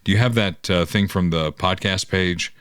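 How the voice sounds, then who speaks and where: A man, hosting a political podcast and talking in a casual, animated way. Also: sits low, moderate pace, clear, resonant tone, dry recording, clean studio sound. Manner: animated, mocking quoted critics. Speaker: podcast host.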